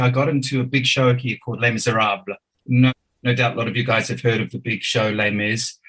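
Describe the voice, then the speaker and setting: A man's voice: mid-range voice, a bit bright, poor audio. Chatty New man telling his story. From New Zealand. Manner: chatty, enthusiastic, filler-laden. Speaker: guest. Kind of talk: casual interview storytelling.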